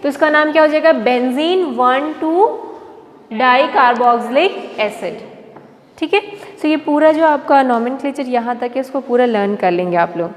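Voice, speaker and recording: A woman's voice: high-pitched, brisk, hardly any pauses. A woman teaching a chemistry lecture, explaining step by step and asking questions she then answers herself. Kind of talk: classroom lecture. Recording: long reverb, faint background noise.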